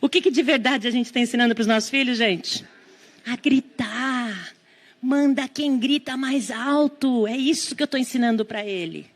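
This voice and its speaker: A middle-aged Brazilian woman giving a live lecture on parenting, lively and drawing the audience in with questions. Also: a little high. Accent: Brazilian Portuguese. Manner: lively, engages the audience with questions and quick asides.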